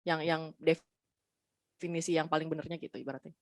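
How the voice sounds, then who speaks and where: A woman's voice: low voice, fairly even intonation, moderate pace, no echo. A woman hosting a casual interview, affirming her guest and mixing English phrases into her questions. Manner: friendly, affirming, fillers, mixes English phrases. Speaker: podcast host.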